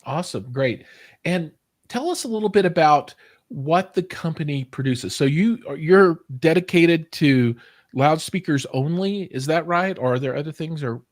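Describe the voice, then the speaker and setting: A man's voice: fairly high pitch, expressive, moderate pace. Chatty American man interviewing. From United States. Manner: friendly, chatty questions with fillers. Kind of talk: casual interview.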